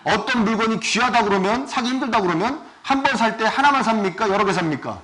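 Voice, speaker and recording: A male pastor giving a sermon, asking his congregation questions and swinging between loud and soft. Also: sits high, expressive, fast. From South Korea. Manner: asks the congregation questions often.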